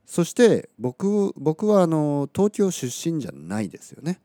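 Teaching Japanese in a laid-back podcast lesson, the Oita, Kyushu native talks unhurriedly with lots of soft fillers and self-corrections. His voice sits a little high with a slightly scratchy throat, captured at studio quality with no echo.

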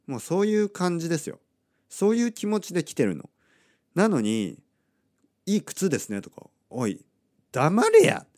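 Man with a lively, animated delivery and a middle pitch for a chatty story vlog; talks loosely with fillers and plays the people he quotes. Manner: chatty, acts out quoted lines in other voices; laughs often between remarks. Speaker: vlogger telling a personal story. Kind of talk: casual storytelling monologue.

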